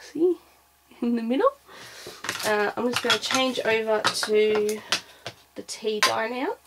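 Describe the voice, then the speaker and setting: Creaky-voiced woman giving a craft tutorial. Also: on the high side. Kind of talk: informal demonstration narration, thinking aloud. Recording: clear background noise, clicks.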